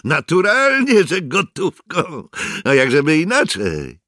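Mężczyzna czyta, grając młodego żołnierza-donosiciela o wysokim chłopięcym głosie, który bezskutecznie udaje bas. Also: male voice, wildly swooping pitch, slow pace, bright, forceful tone, no room sound, clean studio sound, full character voice. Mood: smug. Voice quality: high boyish voice straining for bass. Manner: mocking, smug. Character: young male SS informer, boyish, sly.

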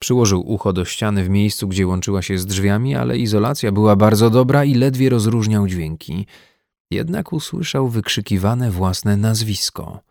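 Give me a deep-voiced man reading an audiobook in a steady, measured way. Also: gravelly, no echo, studio quality. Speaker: audiobook narrator. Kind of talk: scripted narration.

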